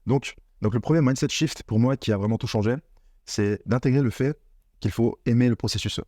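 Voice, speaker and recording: In a warm, medium-pitched voice, a man talks a little fast as he motivates viewers on business mindset, looking straight into the camera. The online business coach sounds earnest and repeats himself, captured in a dry, clean studio recording.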